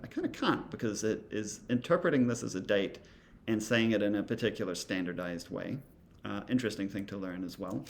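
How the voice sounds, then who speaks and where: Male instructor, low and gravelly, casual demo talk full of fillers. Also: slight background noise. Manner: thinking aloud, many fillers and asides. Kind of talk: casual walkthrough of software.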